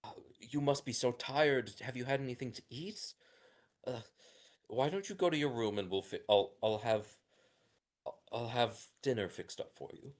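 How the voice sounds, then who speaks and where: Man doing a fussing, high-voiced innkeeper mother. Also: normal speed, long pauses, close to an everyday voice. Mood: tender. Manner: breathless, fussing, repeated "oh"s. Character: anxious middle-aged innkeeper mother, doting.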